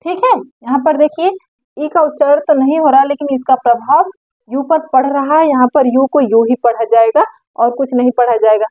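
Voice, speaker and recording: A woman's voice: high-pitched, moderate pace, dark tone, no echo. A woman teaching an English pronunciation lesson. She spells words out letter by letter, asks the listener how to read them, and corrects her own slips aloud. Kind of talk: classroom-style grammar lesson. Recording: dry, dull lo-fi audio.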